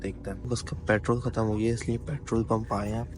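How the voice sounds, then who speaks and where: Young man, Pakistani Urdu accent, fairly low voice, casual travel vlog, handheld phone, chatty. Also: flat delivery, fast talker, a little mellow. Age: young adult. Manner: chatty, keeps asking "right?" and calling viewers "bhai". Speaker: travel vlogger.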